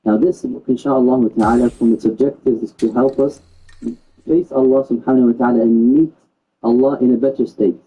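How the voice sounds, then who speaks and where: A man's voice: medium pitch, animated, brisk, mellow, rough recording. A man from England giving an Islamic lesson, speaking earnestly and repeating himself often. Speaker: Islamic teacher. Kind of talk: religious lesson to a gathering.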